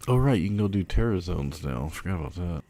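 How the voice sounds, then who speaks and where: A man's voice: low voice, animated, fast talker, mellow. A tired man streaming a game late at night, rambling through his plans with casual swearing and lots of fillers. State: sleepy, yawning. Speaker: gaming streamer. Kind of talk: casual gameplay commentary.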